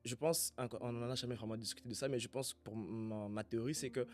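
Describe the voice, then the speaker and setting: A man from Congo in a casual faith conversation, speaking in a reflective, halting way as he searches for his words. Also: mid-range voice, steady tone, faint music behind.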